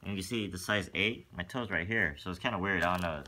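A sneaker vlogger with a low-sitting voice talks at a quick pace, with slight background noise, reviewing shoes in a room at home with a wooden floor. He's relaxed and rambles a little, filling gaps with lots of "um."

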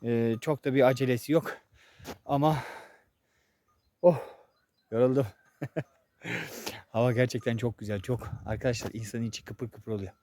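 A young man vlogging outdoors in a village pasture, chatting to viewers and calling out loudly to his animals. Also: medium pitch, steady tone, normal speed, long pauses. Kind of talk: casual chat to camera.

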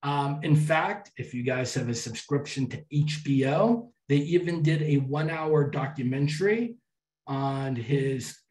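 A man's voice: medium pitch, a little mellow. Chatty man speaking in an echoey hall. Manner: chatty storytelling with restarts. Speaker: travel speaker. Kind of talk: public talk to an audience.

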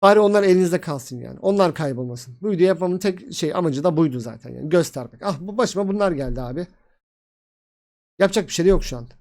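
Fast-talking frustrated young man, sick. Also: on the high side, expressive, darkish tone. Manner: frustrated, rambling and repetitive. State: sick and tired. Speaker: crypto vlogger. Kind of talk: casual screen-share vlog.

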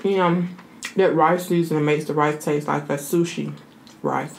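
A woman's voice: low-pitched, fairly even intonation, moderate pace, gravelly. A woman in her thirties chatting casually as a mukbang host, talking while eating and savoring her food. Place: small room indoors, seated at a table. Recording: noticeable room noise.

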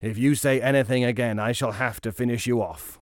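A man voicing a murderous, menacing robber who threatens and counts slowly. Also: medium pitch, steady tone, no echo, studio quality, natural voice.

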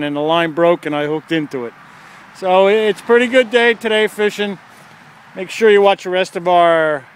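A man with a fairly high voice narrates his fishing outing in a chatty, plainspoken way, recorded outdoors on a handheld camera by a creek. Faint traffic hum from a nearby bridge sits behind him. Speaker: fishing vlogger. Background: faint traffic noise.

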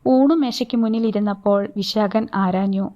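A woman narrating a novel as an audiobook, with slow, even storytelling delivery. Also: mid-range voice, lo-fi sound. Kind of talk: novel reading.

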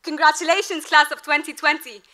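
The graduating class representative, a woman in her twenties, delivers an earnest, rhetorical commencement speech at a podium mic during a large outdoor ceremony, building to emphatic peaks. Her voice sits high, pushed and bright, a little fast and flat in delivery.

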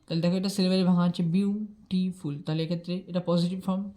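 This English grammar teacher talks very fast in a lowish, mellow female voice with little pitch movement. Patiently, she lays out grammar rules step by step, mixing English terms into Bengali and asking "ঠিক আছে?" to confirm her students follow.

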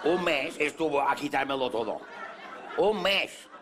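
A man's voice: fairly high pitch, lively intonation, unhurried, crowd noise. A man with a Mallorcan accent performing stand-up comedy in character as a boastful self-styled latin lover, in a café before a live audience. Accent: Mallorcan Spanish. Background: audience laughter.

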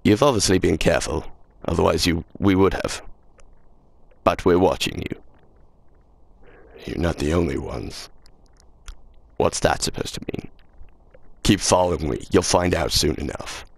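A man's voice: sits low, a little slow, creaky, long pauses, slightly rough, no echo. A man reading game dialogue aloud while alternating between two voices, one of them a vaguely British-sounding official. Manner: swears casually. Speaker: let's play gamer.

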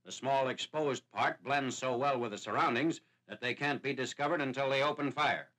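A man reading a scripted wartime newsreel narration in a formal, measured announcing manner, heard on an old 1940s newsreel soundtrack. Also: mid-range voice, sharp tone. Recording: noisy, hissy 1940s newsreel film soundtrack.

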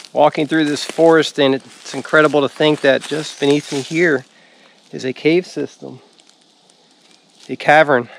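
A man hosting a hiking vlog, narrating calmly and steadily as he explores woods and caves outdoors. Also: fairly high pitch, creaky, slight background noise. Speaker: hiking vlogger. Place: outdoors in a forest.

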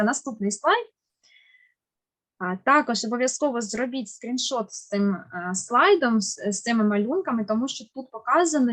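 A woman teaching an online language lesson to children over a video call. She is patient and encouraging, stresses words slowly and carefully, and praises each answer. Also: fairly high pitch.

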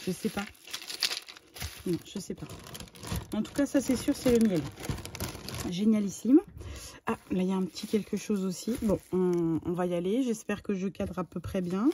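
A middle-aged French woman with a French accent chatting casually while unboxing a parcel, excitable and full of fillers and repeated words. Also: mid-range voice, moderate pace, long pauses. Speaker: vlogger. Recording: faint background noise.

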